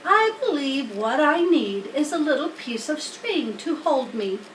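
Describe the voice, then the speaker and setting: A woman voicing an eager, boastful, chubby young male pig in a storybook, with an excitable, naive manner. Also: high voice, unhurried. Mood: cheerful, undaunted. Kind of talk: storybook character voice. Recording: roomy, distant mic, faint noise.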